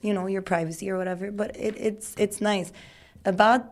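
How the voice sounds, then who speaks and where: A woman from Egypt, a journalist guest on a casual podcast, telling stories in an animated, quick way. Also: medium pitch. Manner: animated, quick storytelling with restarts.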